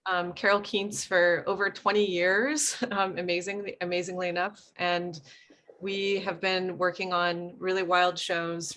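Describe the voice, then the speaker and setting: Moderator: woman, lower voice, appreciative, rambling questions. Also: fairly bright tone. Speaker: panel moderator. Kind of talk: panel discussion.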